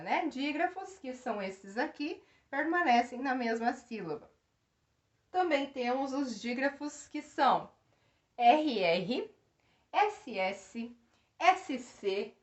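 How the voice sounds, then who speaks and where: A woman's voice: sits high, muffled recording. A woman giving a grammar lesson, explaining step by step and asking the class questions. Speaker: teacher.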